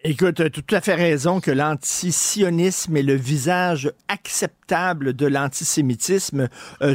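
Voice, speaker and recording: A man's voice: fairly high pitch, no echo. A man hosting a talk show, chatting casually and moving the conversation to the next topic.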